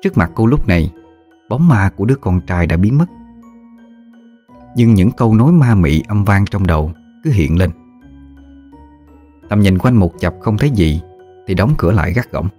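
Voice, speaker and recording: A man narrating a ghost story in a measured, somber manner. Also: fairly low pitch, animated, mellow, soft background music.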